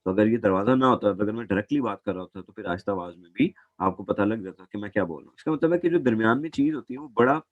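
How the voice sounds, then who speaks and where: A man explains physics in a patient classroom lecture, going over each step more than once. His voice sits low. The sound is dry, with no room echo. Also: animated, very fast, hardly any pauses, phone-quality sound. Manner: patient, repeats points, calls students "beta". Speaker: physics teacher.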